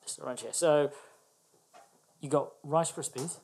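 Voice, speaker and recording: A woman's voice: sits low, unhurried, darkish tone. A woman with a British accent chatting casually as a podcast co-host, teasing and a little pedantic. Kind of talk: casual chat.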